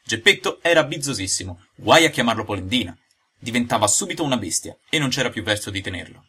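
A man reading a classic tale aloud in lively scripted narration. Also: medium pitch, quick pace, slightly rough. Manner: lively storytelling delivery. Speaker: audiobook reader.

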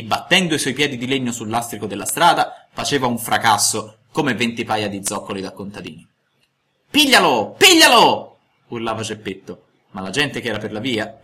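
Lively, bright-voiced male storyteller. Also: mid-range voice. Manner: expressive, storytelling cadence. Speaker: narrator. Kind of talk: audiobook reading of a classic tale.

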